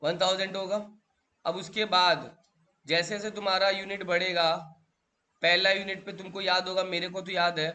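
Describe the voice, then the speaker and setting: Bright-voiced male teacher quizzing students. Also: high voice, flat delivery, moderate pace. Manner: drills students with repeated questions, calls them beta. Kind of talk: classroom lecture.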